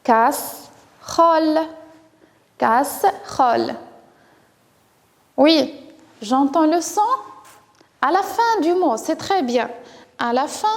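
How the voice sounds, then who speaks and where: A woman's voice: high-pitched, darkish tone, in a large hall. A woman with a Moroccan accent teaching a first-grade French phonics lesson, patiently repeating words syllable by syllable and praising the children. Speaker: primary school teacher.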